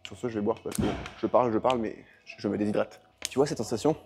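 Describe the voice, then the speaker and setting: A man's voice: lowish voice, quick pace, vocal fry, a little mellow. A young man chatting casually in a rambling gym vlog, worn out after a long training session. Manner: chatty, rambling, self-correcting. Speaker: powerlifting vlogger.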